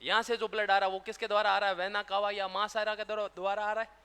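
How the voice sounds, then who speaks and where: A man with a very high, bright voice lectures with a Rajasthani Hindi accent, asking a question and then answering it himself. His voice rings out with a long reverb, like a big lecture hall. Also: level tone, fast, smooth. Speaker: teacher. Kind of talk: classroom lecture.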